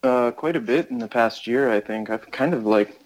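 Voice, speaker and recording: A man's voice: mid-range voice, moderate pace, poor audio. An American man, a touring musician, talking casually and thinking aloud during a phone interview. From United States. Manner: rambling, relaxed, thinking aloud.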